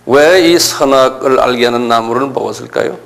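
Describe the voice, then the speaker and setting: A man's voice: mid-range voice, normal speed, vocal fry. A pastor giving a conversational sermon lecture, often asking his listeners questions. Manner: conversational preaching with rhetorical questions.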